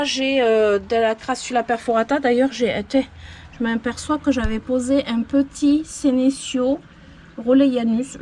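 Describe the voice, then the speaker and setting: A woman hosting a casual plant vlog, strolling past her potted succulents outdoors. Her voice sits a little high, and she rambles and hesitates over plant names. A faint outdoor ambience is heard behind her. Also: darkish tone, slight background noise. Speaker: plant vlogger. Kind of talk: casual show-and-tell tour.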